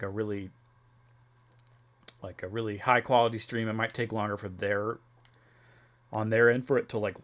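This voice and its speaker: A man's voice: on the low side, fairly bright tone. A young man livestreaming, chatting casually with viewers in a rambling way with lots of fillers. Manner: rambling, filler-heavy, reads chat aloud. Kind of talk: casual chat with stream chat.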